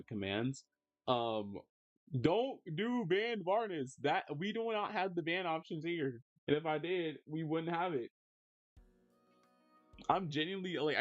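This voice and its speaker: While drawing on a livestream, a man in his thirties who works as a streamer and digital artist chats with his audience, rambling and packing his sentences with "like." His pitch jumps up lively whenever he reacts to chat. The audio sounds a bit dull and has no echo, with faint music underneath.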